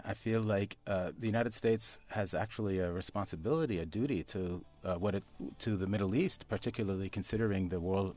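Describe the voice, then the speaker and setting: Low-voiced man, halting radio guest. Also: darkish tone. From Canada. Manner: thoughtful, halting with many restarts. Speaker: guest author. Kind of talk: radio interview.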